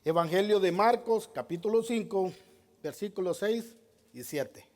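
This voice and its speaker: Male pastor, very high-pitched, emphatic sermon delivery that keeps questioning the congregation. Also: animated, a little slow. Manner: repeats key phrases, addresses listeners as brother.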